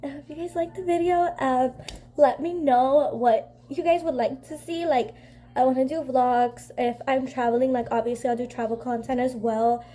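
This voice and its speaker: High-pitched yet dark in tone, this young woman's voice is stuffy from a cold, with fairly even intonation and a moderate pace. She's a beauty vlogger rambling casually through a makeup video, filling it with constant fillers.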